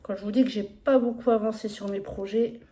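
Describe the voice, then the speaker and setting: A woman's voice: mid-range voice, steady tone, brisk, mellow. A woman with an accent in French, casually showing her cross-stitch projects in a hesitant, chatty, apologetic way with many fillers. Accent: non-standard accent in French. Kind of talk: casual flosstube progress update.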